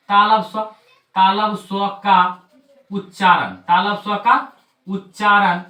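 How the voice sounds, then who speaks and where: High-voiced teacher drilling phonetics. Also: male voice, fairly bright tone. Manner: repetitive drilling, chant-like recitation. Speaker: exam coaching teacher. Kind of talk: classroom lesson on Hindi phonetics. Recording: roomy echo, mic at a distance.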